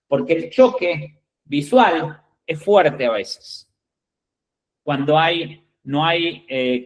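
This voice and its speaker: Un hombre con acento argentino, reclutador de ejecutivos, da una charla instructiva a candidatos con tono directo y enfático, y comprueba a menudo con "¿bien?" que le siguen. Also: male voice, a little high, rough recording. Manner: direct, emphatic, checks in with "¿bien?" and "¿ok?". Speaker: executive recruiter. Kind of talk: instructive talk to job candidates.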